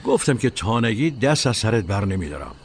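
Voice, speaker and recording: An actor playing a firm, caring frontline commander in a war drama, talking in an urgent, commanding way. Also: male voice, on the low side, very animated, a little hiss or hum. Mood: insistent. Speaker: military commander.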